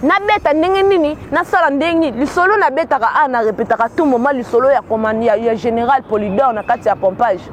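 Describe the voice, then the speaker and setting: A woman from Kinshasa, speaking with a Congolese accent, delivers earnest commentary in mixed Lingala and French. Her high voice moves a little fast with few pauses, and she often repeats words while searching for them. A little hiss or hum can be heard.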